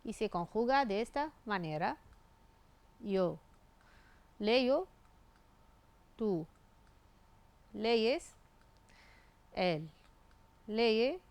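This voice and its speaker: A woman teaching Spanish grammar, reading out verb forms one by one and spelling out the endings. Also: mid-range voice. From Tunisia. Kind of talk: grammar lesson.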